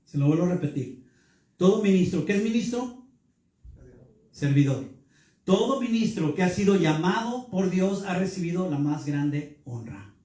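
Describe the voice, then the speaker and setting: A man's voice: high-pitched, animated, moderate pace, pauses often, mellow. A male pastor gives a Bible class sermon and keeps asking the room questions. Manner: teaching, asks the room questions. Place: church hall. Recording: echoey hall, speaker far from mic.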